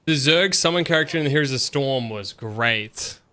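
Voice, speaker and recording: A man with a bright, forward voice at a medium pitch gives casual live gameplay commentary. He thinks aloud in an offhand way and swears freely. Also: animated, moderate pace. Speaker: game streamer.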